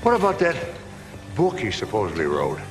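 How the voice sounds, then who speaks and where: A persistent amateur investigator in a naturalistic TV mystery. His fairly low voice moves up and down a lot as he probes in a conversational way. Music plays behind him. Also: wildly swooping pitch, moderate pace. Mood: musing. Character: inquisitive, persistent amateur male sleuth questioning suspects.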